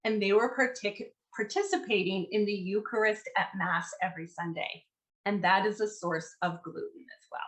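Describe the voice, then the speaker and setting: A woman dietitian giving a relaxed online presentation to teachers, conversational with lots of fillers and a dry sarcastic streak. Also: medium pitch, normal speed, rough recording.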